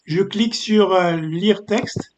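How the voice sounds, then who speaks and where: A man presenting a screen-recorded software tutorial, explaining step by step with frequent filler pauses. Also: sits high, lo-fi sound, a little hiss or hum. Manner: hesitant, many filler pauses.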